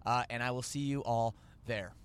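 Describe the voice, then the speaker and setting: A man's voice: medium pitch, fairly even intonation, normal speed, clear, resonant tone. A man with a Canadian accent hosting a podcast, rambling and joking as he corrects himself. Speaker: podcast host. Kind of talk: casual podcast chat.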